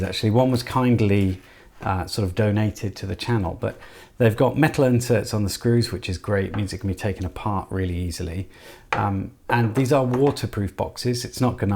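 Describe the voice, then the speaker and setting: This electronics channel host has a fairly low-pitched, darkish voice. Working through a hands-on build, he chats casually and thinks out loud, sounding tentative and poking fun at himself.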